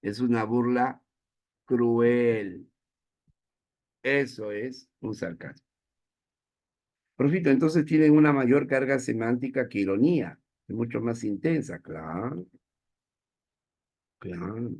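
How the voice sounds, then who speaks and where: Man, teacher, middle-pitched voice, joking lecture style, quizzes the class. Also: slow pace, long pauses, darkish tone. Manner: playful, self-mocking, asks the class questions.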